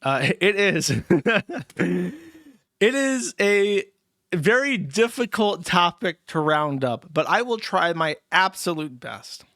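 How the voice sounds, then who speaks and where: Sarcastic quick-talking male show host. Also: high voice, big pitch swings, a bit bright, no echo, studio quality. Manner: sarcastic, quick, laughs often. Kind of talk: casual commentary on clips.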